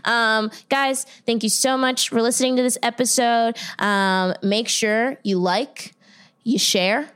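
A woman's voice: a little high, fairly even intonation, slow pace, a bit bright, clear, resonant tone. A woman hosting a podcast, chatting casually in an effusive, slangy, giggly way. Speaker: podcast host. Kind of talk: casual chat.

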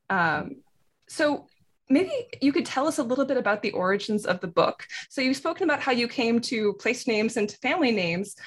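A woman with a husky voice, interviewing guests conversationally and encouragingly as a podcast host. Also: on the high side.

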